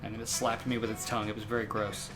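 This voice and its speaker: A man's voice: fairly low pitch, flat delivery, quick pace, over music. A man hosting and narrating a comedic game, moving between scripted narration and casual asides.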